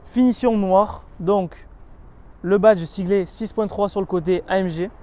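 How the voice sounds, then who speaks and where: High-voiced man presenting a car. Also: fairly even intonation, a little slow, dark tone. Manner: chatty and descriptive, listing features with many connecting "donc"s and "euh"s. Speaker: car reviewer. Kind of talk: casual walkaround presentation of a car.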